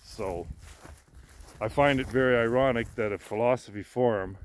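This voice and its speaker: This man strolls outdoors by a pond in the woods, musing aloud in a loose, boastful monologue about how he sees life. He stops and starts, circles back on his words, lets thoughts trail away and curses offhandedly, his mid-range voice carrying a faint hiss or hum.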